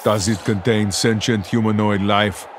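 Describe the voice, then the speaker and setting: An actor playing an emotionless male cyborg who speaks in a flat, clipped, smooth machine-like way in video game dialogue. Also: lowish voice, moderate pace, noisy background, lightly acted. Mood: cold.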